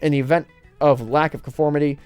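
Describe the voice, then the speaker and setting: Reading a legal text verbatim, this man occasionally stumbles, corrects himself, apologizes, and pronounces punctuation such as "slash" and "open bracket." He talks quickly with fairly even intonation, and his slightly high voice has a darkish, clean tone over faint background music.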